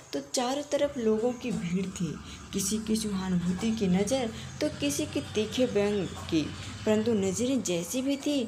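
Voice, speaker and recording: A woman's voice: medium pitch, warm tone, slight background noise. Woman reading a dramatic story. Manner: emotive, voices the characters' lines herself.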